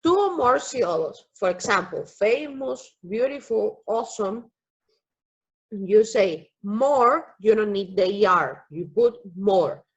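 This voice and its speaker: A woman teaches English grammar over an online class, speaking slowly and patiently. Her voice is husky and slightly high, and the audio is dull and lo-fi from a computer mic. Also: lively intonation. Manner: slow, patient explaining with frequent "okay?" checks. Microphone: computer mic on a video call.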